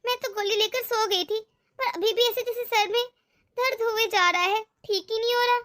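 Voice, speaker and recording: A woman voicing a meek, self-blaming young widow in an animated family story, speaking softly and sorrowfully. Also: very high-pitched, normal speed. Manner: soft, sorrowful, tearful. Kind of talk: animated cartoon voice acting.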